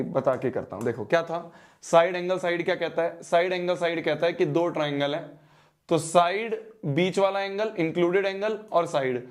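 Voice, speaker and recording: A man teaching a live online maths class with a Hindi accent, joking with students and repeating his phrases. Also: high-pitched. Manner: playful teasing, repeats phrases, calls out students by name.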